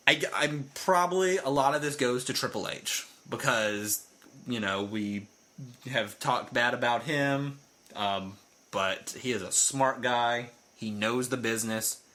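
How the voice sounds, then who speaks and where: Bright-voiced man co-hosting a podcast. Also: mid-range voice, unhurried. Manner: easygoing, peppered with "you know". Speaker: podcast co-host. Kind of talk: casual chat.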